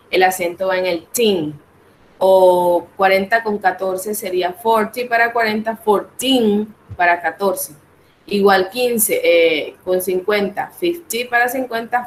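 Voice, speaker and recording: A woman teaching an English class over a video call, explaining step by step and with patience as she calls on her students to answer. Her voice sits at an ordinary pitch, and a faint hum of background noise runs underneath. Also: poor audio. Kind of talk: online class teaching in Spanish.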